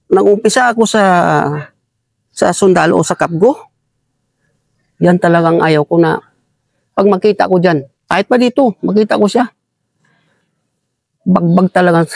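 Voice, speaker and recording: A man with a high, gravelly voice tells his story in an earnest, heated way. He keeps addressing his listener as sir, and anger often rises in his words. The sound is dry and close. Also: a little mellow, no echo. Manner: angry and emphatic when recounting abuses. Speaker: interviewee, militia member. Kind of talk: conversational testimony.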